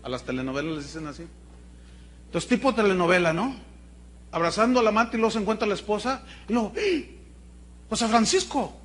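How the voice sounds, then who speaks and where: A man with a Mexican accent preaching a sermon in a lively, colloquial, storytelling way. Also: sits high, quick pace, slight background noise. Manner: animated, colloquial, humorous storytelling. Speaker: pastor.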